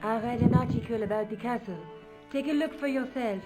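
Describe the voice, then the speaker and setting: A woman's voice: fairly high pitch, brisk, music in the background, natural voice, poor audio. A woman voicing a self-assured young journalist in a video game, dry and matter-of-fact.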